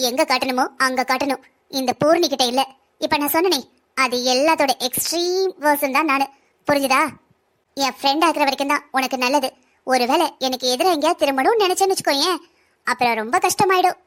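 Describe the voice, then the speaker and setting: A woman's voice: high voice, a bit bright. Woman voicing a defiant, arrogant young woman. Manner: taunting, defiant. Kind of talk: Tamil cartoon voice acting.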